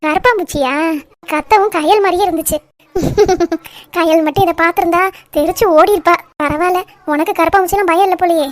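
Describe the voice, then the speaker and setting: A woman voicing a scheming, bossy middle-aged village aunt in a cartoon, scolding sharply and turning shrill when frightened. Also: a little fast. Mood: mocking. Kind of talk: cartoon voice acting.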